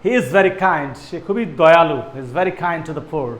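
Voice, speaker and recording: A man's voice: a little high, unhurried, echoey room. A man teaching English in Bengali, saying each English phrase again and again and giving its meaning. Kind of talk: spoken-English lesson in Bengali.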